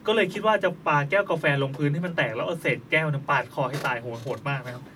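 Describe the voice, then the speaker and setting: Guy hosting a chatty show, playful, laughs a lot, bright voice, sits back from the mic. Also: a little high, expressive, rapid-fire, recorded from a distance, a little hiss or hum. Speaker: podcast host. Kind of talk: casual chat, reading listener stories.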